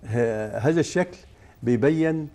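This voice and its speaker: A man's voice: medium pitch, expressive, a little slow, dark tone. A man with an Egyptian accent, a scientist guest on a TV talk show, explaining step by step and speaking directly to viewers. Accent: Egyptian Arabic.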